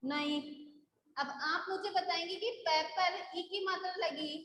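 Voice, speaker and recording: A woman's voice: very high-pitched, unhurried, fairly bright tone, echoey room, a little hiss or hum, poor audio. A woman school teacher taking a live online class, patiently drilling syllables and checking that the students follow.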